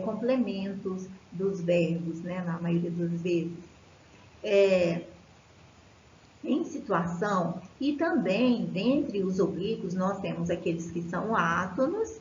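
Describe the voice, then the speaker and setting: A Brazilian woman teaching a recorded lesson, explaining slowly with many fillers and restarts. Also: mid-range voice, reverberant, dull audio, a little hiss or hum. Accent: Brazilian Portuguese.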